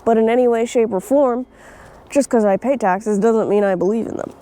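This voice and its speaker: Young woman ranting outside on her phone, kinda high but mellow voice, blunt and sweary. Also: normal speed. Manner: blunt, swears freely, laughs often. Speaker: vlogger. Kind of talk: casual opinion vlog. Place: outdoors in nature.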